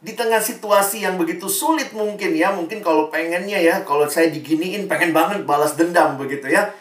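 A man's voice: high voice, a little fast. Man preaching in an echoey hall. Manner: relaxed and conversational, slips in English Bible phrases. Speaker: preacher to young people. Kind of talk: sermon. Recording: echoey room, mic at a distance.

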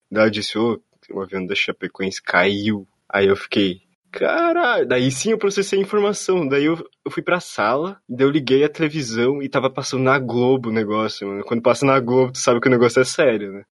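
A man's voice: medium pitch, no room sound. A young man with a southern Brazilian accent, telling a story in a casual, rambling way with lots of slang and fillers.

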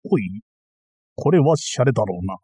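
A man's voice: on the high side, very animated, normal speed, warm tone, husky, dry recording, studio quality. A man voicing a boastful, bumbling self-styled master thief in a dramatized period-novel reading, ranting and easily flustered. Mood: whispering.

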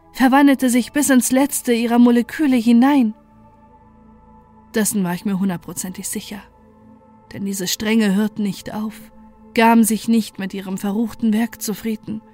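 This performer voices the same desperate, horror-struck narrator facing a former friend gone mad, bringing intense drama and dread to the first-person audio story. Her voice is a little high with a darkish tone and sounds natural.

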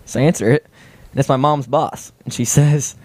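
A man's voice: mid-range voice, fairly even intonation, moderate pace, darkish tone, no echo. A young man on a podcast, casually telling a story and laughing as he goes. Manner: laughing while telling an anecdote. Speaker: podcast co-host.

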